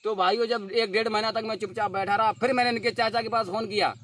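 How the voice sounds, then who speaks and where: A young man from Uttar Pradesh, India, a dholak player, records an emotional statement defending himself to listeners. He speaks fast and insistently, sounding aggrieved, in a high-pitched, fairly bright voice with a steady tone.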